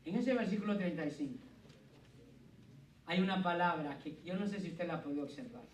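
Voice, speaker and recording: A man preaching a sermon in a church, firing rhetorical questions and calling listeners "brother", swinging from loud emphatic peaks to hushed low passages. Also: animated, a little fast, a little hiss or hum. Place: church hall with congregation. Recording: echoey hall, voice from a distance.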